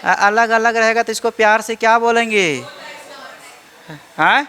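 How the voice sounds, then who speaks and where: A man's voice: high-pitched, measured pace, pushed and bright, a little hiss or hum. A man teaching organic chemistry to a class, drilling students with repeated check-in questions and teasing them playfully. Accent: Indian. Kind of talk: classroom lecture.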